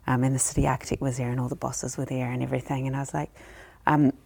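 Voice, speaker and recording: A woman in her thirties co-hosting a podcast, telling relaxed stories in casual conversation. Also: rumbling low, racing, creaky, breathy edge. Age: 30s. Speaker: podcast co-host.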